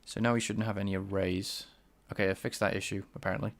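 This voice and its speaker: Through a desk microphone, an Englishman with a light Scouse accent chats with viewers while live-streaming game programming. He talks fast in a low, creaky, level-toned voice, thinking aloud, answering chat and enunciating carefully.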